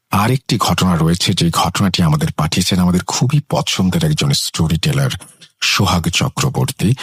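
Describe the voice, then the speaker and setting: Male host of a ghost-story show, very low and husky, measured dramatic narration. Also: a bit bright. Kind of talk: scripted horror story narration.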